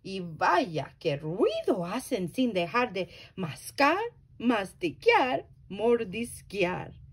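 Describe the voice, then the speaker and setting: Slow, breathy woman reading a children's story. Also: medium pitch, big pitch swings. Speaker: library storyteller.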